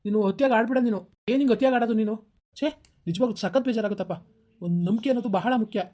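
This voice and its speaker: Woman doing a grumpy young husband, village skit, snappish, scolding, rapid-fire, mellow tone. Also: fairly high pitch, natural voice. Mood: irritated. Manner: snappish, scolding, quick-talking. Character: irritable young husband, defensive and dismissive.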